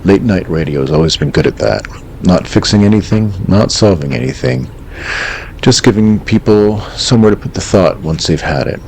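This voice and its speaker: A deep-voiced man plays the calm, wry host of an eerie late-night radio call-in show. He speaks in a measured, reflective, understated way, with slight background noise.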